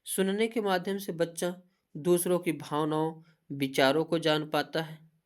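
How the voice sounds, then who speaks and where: A Hindi teacher giving an exam-prep lecture, reading points in a steady listing voice and often asking a question mid-sentence, then answering it herself. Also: medium pitch, a little slow.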